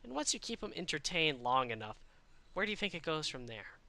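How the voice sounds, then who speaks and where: A man's voice: on the high side, big pitch swings, brisk, bright, forceful tone. A man chatting casually to his stream audience while playing a game, rambling and swearing freely. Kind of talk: live gaming stream chat.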